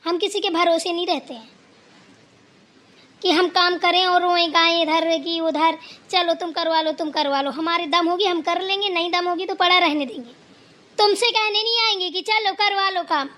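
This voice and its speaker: Lady doing a fretful village daughter-in-law, high bright voice, grumbles and scolds, cartoon. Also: fairly even intonation, normal speed. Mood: stern. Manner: plaintive, scolding when provoked. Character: worried elder daughter-in-law of a village household. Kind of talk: cartoon voice acting.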